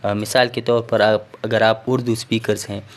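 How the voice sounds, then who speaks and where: A man giving a recorded lesson, explaining slowly and checking in with the listener after each point. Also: on the low side, little pitch movement. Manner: explains patiently, repeats "theek hai" and fillers. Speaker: teacher. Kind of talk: recorded classroom lecture.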